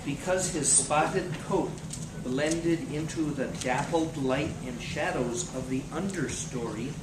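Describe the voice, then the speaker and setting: A man narrating a play like a storybook, reading phrase by phrase in a measured way, recorded from afar in an echoey, noisy room. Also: fairly high pitch. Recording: distant mic, echoey room, loud noise.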